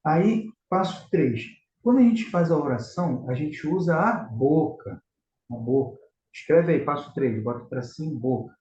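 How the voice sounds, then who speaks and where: A man's voice: a little high, expressive, a little slow, mellow. Earnest Carioca man teaching faith. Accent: Carioca (Rio de Janeiro). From Rio de Janeiro, Brazil. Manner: earnest, exhorting, addresses listeners as brothers. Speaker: spiritual director teaching a prayer class. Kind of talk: religious lesson. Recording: echoey room, slightly dull sound.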